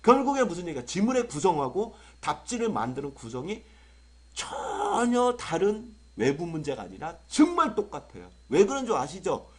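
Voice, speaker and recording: Lecturing online for exam prep, a young adult male English tutor with a sore throat from a cold speaks in a high-pitched, slightly rough voice at a moderate pace. He's exaggerated and excitable, packing his talk with rhetorical questions.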